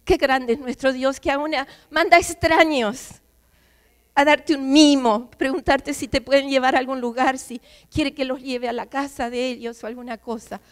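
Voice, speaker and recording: A woman's voice: high-pitched, fairly even intonation, normal speed. A woman, a pastor's wife, giving an emotional, emphatic sermon testimony, quoting voices as she tells her story in a church. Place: church sanctuary. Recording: long church hall reverb.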